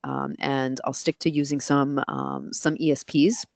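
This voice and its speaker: A gravelly bass voice with a darkish tone belongs to this woman, who speaks at a measured pace in a sing-song manner. The recording is dry. Taking questions as a guest expert in a live webinar, she uses her radio-suited voice to explain her methods step by step, practically, with occasional self-corrections.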